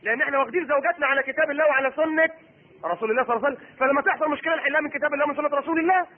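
A middle-aged man preaching a sermon in an Egyptian Arabic accent. He is animated and acts out the voices of husband and wife. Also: very high voice, rapid-fire. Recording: husky voice on tinny phone-like recording.

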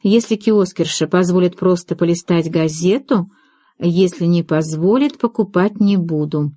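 A woman reading the lines of a sharp-tongued young woman in an audiobook, ironic and snappy. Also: lowish voice, measured pace, dry recording. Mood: musing.

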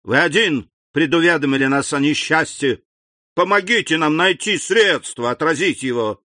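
A man voicing an indignant aging French king, imperious and frightened, in a commanding voice with sharp outbursts. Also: on the high side, moderate pace, dry recording, clean studio sound, voice pushed up. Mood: cold, commanding.

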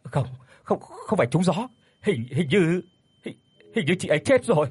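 A man playing a stammering scared farmer, husky, high-strung. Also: sing-song, normal speed, darkish tone, full character voice. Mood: terrified. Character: stammering frightened peasant husband.

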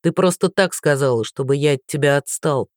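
A woman's voice: low-pitched, brisk, darkish tone, no room sound, clean studio sound, close to an everyday voice. A woman doing Andrey, pleading young man. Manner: earnest, pleading.

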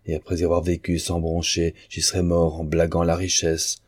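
A man's voice: low-pitched, completely flat delivery, moderate pace, darkish tone, slightly rough, no room sound, clean studio sound. A man voicing a bitter, mocking male painter in an audiobook of a novel. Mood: scornful. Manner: sneering, sarcastic.

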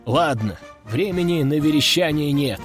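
A man's voice: a little high, animated, normal speed, faint music behind. A man narrating a first-person audiobook in a wry, ironic tone.

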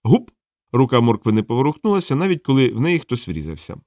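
A man reading a novel aloud in a lively, conversational storytelling manner. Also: medium pitch, fast talker, dry recording, clean studio sound. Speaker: audiobook narrator. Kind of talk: storytelling narration.

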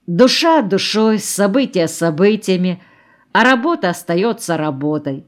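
A woman's voice: mid-range voice, animated, measured pace, lightly acted. A woman reading the part of a moralizing, melancholy male geologist who speaks in sententious maxims, in an audiobook. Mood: preachy. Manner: sententious, preachy.

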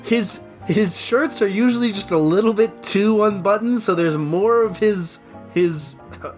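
A man co-hosting a comedy podcast, teasing quickly and laughing at his own jabs in casual chat. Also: high voice, faint music behind. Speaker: podcast co-host.

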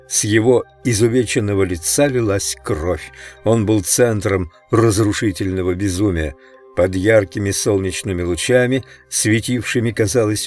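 A man reading an audiobook as narrator in a measured, steady way. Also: fairly low pitch. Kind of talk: scripted narration.

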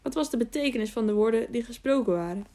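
A woman reading a children's novel aloud as an audiobook, steady, with small slips and self-corrections. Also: a little high, fast. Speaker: audiobook narrator.

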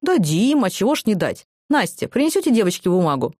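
Female narrator putting on a kindly old officer, low rolling voice, slow grandfatherly drawl, dry recording. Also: very animated, darkish tone, dry recording. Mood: genial. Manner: folksy, avuncular, unhurried. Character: small old male prison duty officer, jovial.

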